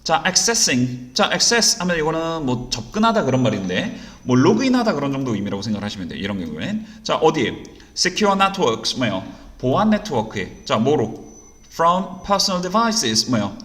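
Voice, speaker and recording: A man teaching an exam-prep English reading lesson in Korean. He keeps asking rhetorical questions and answering them himself, and he reads the English sentences slowly and deliberately. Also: medium pitch, very animated, fairly bright tone. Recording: roomy echo.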